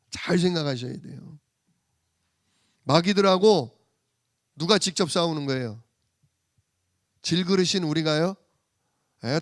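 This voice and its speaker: A man preaching a sermon in church, asking rhetorical questions and answering them himself, swinging from loud emphasis to soft murmurs. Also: fairly high pitch, dry recording, studio quality. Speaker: pastor.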